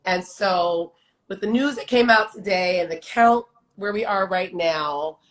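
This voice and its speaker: Sing-songing her greetings, a playful, bubbly live-show host chats casually and says her voice gave out that morning. She speaks in a mid-range voice at a measured pace, with roomy echo and faint background music.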